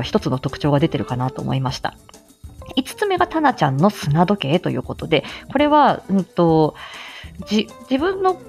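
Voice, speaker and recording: A woman streamer chatting casually with her viewers, in a calm, low, clearly articulated voice with many filler words. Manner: chatty, frequent fillers, reads viewer comments. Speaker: streamer, voice reader. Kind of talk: casual livestream chat.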